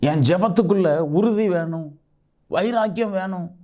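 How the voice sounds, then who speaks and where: A man's voice: high-pitched, unhurried, mellow. A male pastor, preaching a fervent sermon full of repeated rhetorical questions. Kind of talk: sermon with prayer.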